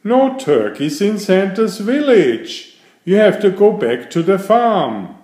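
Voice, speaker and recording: A bossy little elf guard barks orders in a storybook reading, as a man plays him. His voice is high, loud and scolding. There is echo all around. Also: sing-song, slow, heavily acted. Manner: sharp, scolding.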